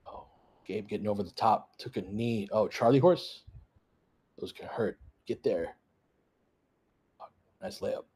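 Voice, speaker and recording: Chatting with listeners, a fan livestream host gives relaxed play-by-play of a basketball game in short, clipped, off-the-cuff bursts. His fairly low voice is a little mellow and slightly rough, a bit slow with long pauses.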